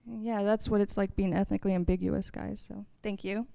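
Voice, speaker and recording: Young woman doing stand-up, chatty, self-mocking, smooth voice, dry sound. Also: mid-range voice, steady tone, fairly quick, mellow, no room sound. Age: young adult. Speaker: stand-up comedian and student. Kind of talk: stand-up comedy set. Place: college comedy show stage.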